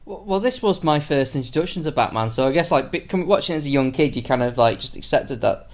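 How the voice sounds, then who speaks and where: A man's voice: on the high side, animated, quick pace. A man co-hosts a casual film commentary. He rambles and hesitates, stacking fillers as he thinks aloud. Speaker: podcast co-host.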